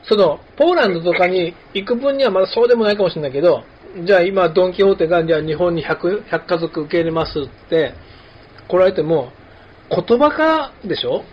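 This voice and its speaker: A man leads a laid-back podcast chat, building his points from everyday examples. His voice sits high. The recording is dull and lo-fi, with a faint hiss behind him. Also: brisk. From Kumamoto, Japan. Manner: relaxed, explains with examples. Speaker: podcast host. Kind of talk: casual chat. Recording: dull lo-fi sound with faint noise.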